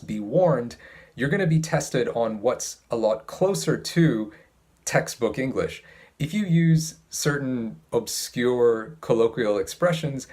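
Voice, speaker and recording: A man giving an instructional talk as an English teacher, speaking in a precise, measured way with careful enunciation. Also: medium pitch, a little mellow.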